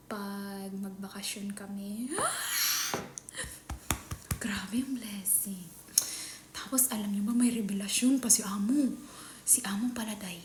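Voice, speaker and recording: A Filipino woman chatting casually in a vlog, often dropping into a hushed whisper. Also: mid-range voice. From Philippines. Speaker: nanny vlogger. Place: employer's home. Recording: echoey room with faint ambient noise.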